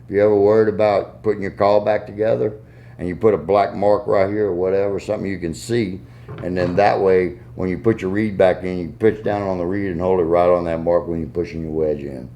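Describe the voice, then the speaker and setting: A man's voice: deep voice, fairly even intonation, a little fast, warm tone, slight background noise. A man with a Southern US accent giving a casual hands-on tutorial in a folksy, step-by-step way. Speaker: goose call maker giving a tuning demonstration.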